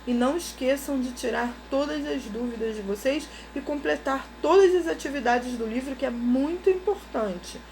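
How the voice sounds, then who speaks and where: A woman's voice: high voice, normal speed, hardly any pauses, a little mellow, a little hiss or hum. A woman teacher giving a recorded lesson to schoolchildren, explaining each step patiently and checking in with "ok?".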